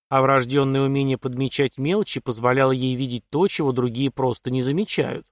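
A male narrator reading a historical novel aloud in a measured, storytelling manner. His voice sits at an ordinary middle pitch for a man. The recording is dry and close, with no room around it. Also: no room sound. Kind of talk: audiobook narration.

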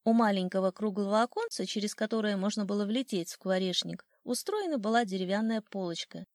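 A woman narrating a classic children's story in an expressive, lilting reading. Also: medium pitch, fairly quick, no echo, clean studio sound.

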